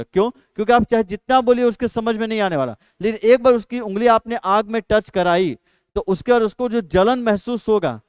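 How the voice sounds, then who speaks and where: A man's voice: high-pitched, clean tone, dry recording. A man teaching an exam practice lesson, repeating each question and then answering it himself.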